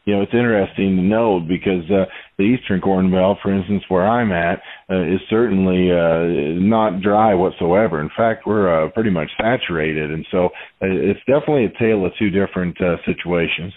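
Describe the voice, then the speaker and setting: A man's voice: sits low, moderate pace, hardly any pauses. A man speaking over the phone as a market analyst guest in a casual interview, rambling with plenty of "you know" and "uh". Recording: tinny phone line.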